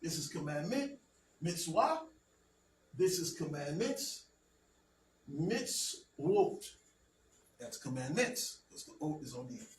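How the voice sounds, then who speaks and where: A man teaching a language lesson to a class, speaking slowly and deliberately and often checking that everyone follows. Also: on the high side, very animated. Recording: roomy, from a distance, faint noise.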